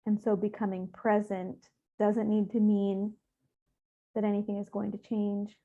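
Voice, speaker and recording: Through narrow, phone-like audio, a mid-pitched woman leads a meditation, gently and evenly giving soft instructions separated by pauses. Her soothing, unhurried delivery is completely flat, with little rise and fall.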